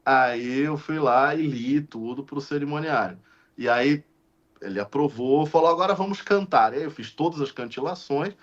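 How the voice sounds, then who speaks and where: A man's voice: mid-range voice, moderate pace. A man, a deacon and podcast guest, telling a story in casual conversation and acting out the dialogue with many restarts. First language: Portuguese. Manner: animated, acts out quoted dialogue, frequent restarts. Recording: slightly muffled lo-fi audio.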